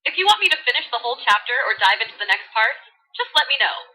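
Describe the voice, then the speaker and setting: A woman's voice: fairly high pitch, very animated, fast talker, sharp tone, slightly rough, low-quality recording. A woman with a Californian Valley Girl accent retells a story in gushing, sassy slang full of fillers. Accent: American, Californian Valley Girl.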